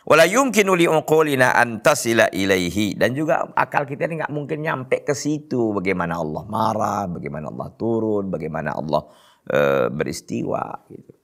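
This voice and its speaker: A man's voice: lowish voice, very animated, normal speed, creaky, fairly bright tone. A man with a North Sumatran Indonesian accent giving an Islamic study lecture, reciting Arabic phrases, then translating them and asking rhetorical questions. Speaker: religious teacher.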